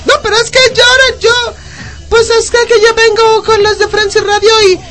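A woman's voice: very high voice, flat delivery, fairly quick. A woman voicing a flirtatious, boastful rug-seller man, rambling and stammering crudely in a comedy radio sketch.

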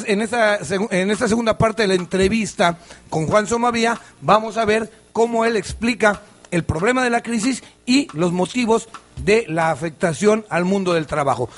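A man's voice: high voice, a bit bright. A man hosting a radio talk show, commenting chattily with frequent restarts. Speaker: radio host.

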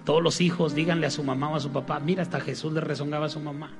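Male preacher: high, gravelly voice, playful and engaging, leads the congregation in call-outs, faint music behind. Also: very fast. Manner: humorous, lively, prompts the congregation to repeat lines. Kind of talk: sermon.

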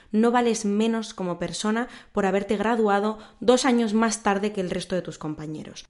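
Young woman in her twenties, solo podcast host, candid chatty advice, mid-pitched voice. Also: darkish tone. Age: 20s. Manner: chatty, candid, tag questions.

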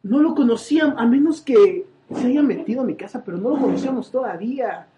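A young man with a Mexican accent, co-hosting a comedy podcast and telling stories in an animated, playfully exaggerated way. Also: very high voice, fairly quick, noisy background. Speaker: podcast co-host. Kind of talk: joking podcast banter.

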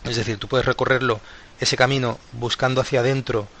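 A man's voice: mid-range voice, steady tone, fairly quick, a bit bright. A man in a casual philosophical discussion, thinking aloud and restarting his sentences often.

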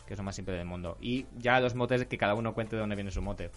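A young man talks at a rapid clip in a loose, relaxed group chat. He trips over his words and restarts sentences as he goes. Soft music sits faintly behind him. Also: on the low side. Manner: fast, stumbling restarts. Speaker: host of a radio show.

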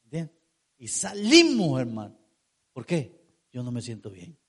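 A man's voice: medium pitch, huge pitch swings, unhurried, slightly rough. A man preaching a sermon, emphatic, asking rhetorical questions and drawing out key words.

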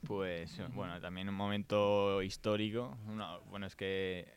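Chatty Spanish-accented man, low smooth voice. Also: fairly even intonation, unhurried. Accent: Spain Spanish. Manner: chatty, laughs often, trailing restarts. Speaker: podcast host. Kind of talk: casual podcast chat.

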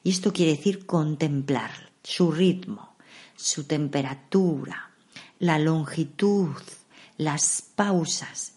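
A woman with a low, soft voice talks through meditation practices in a relaxed podcast monologue. She speaks calmly and conversationally, explaining each practice gently. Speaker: podcast host.

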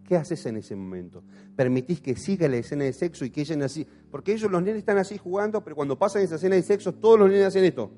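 A man's voice: on the high side, animated, fast talker, mellow, soft background music. A pastor in his thirties with an Argentine accent, preaching a passionate sermon and asking the congregation questions. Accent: Argentine Spanish. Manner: impassioned, asks the congregation questions.

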